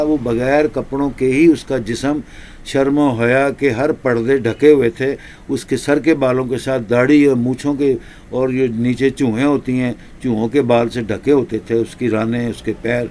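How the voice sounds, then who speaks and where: Male preacher telling a slow religious tale. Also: medium pitch, steady tone, mellow, a little hiss or hum. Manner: slow, repetitive telling with drawn-out pauses. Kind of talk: storytelling sermon.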